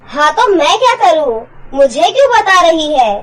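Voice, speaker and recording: A woman's voice: very high-pitched, sing-song, measured pace, fairly bright tone, faint music behind, exaggerated voice, low-quality recording. A woman doing a cruel scolding stepmother. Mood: harsh scolding. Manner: harsh, scolding, threatening. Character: cruel bossy stepmother, middle-aged woman.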